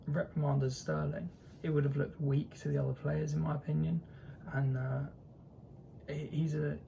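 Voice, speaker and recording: A young man with a posh southern English accent hosts his own football channel, his slightly high, mellow voice carrying some vocal fry. He talks casually and hesitantly in solo commentary, full of fillers and restarts. The audio is poor, with a little hiss or hum.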